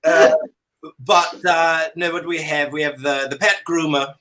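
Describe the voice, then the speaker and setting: As a talk show guest on a video call from his home, this Canadian man performs drag comedy as a mannered, theatrical dandy, joking with hesitant phrasing. His voice is a little high and sharp, steady in tone, at a measured pace.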